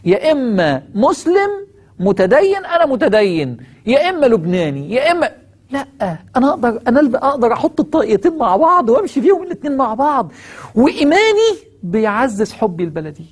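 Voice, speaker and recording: A man's voice: very high-pitched, sing-song, fast, husky. A man with an Egyptian accent preaching on Quranic verses, firing rhetorical questions at his listeners.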